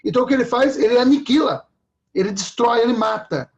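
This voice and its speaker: A man's voice: extremely high pitch, quick pace, dull audio. A man preaching a sermon in a conversational way, often checking in with his listeners.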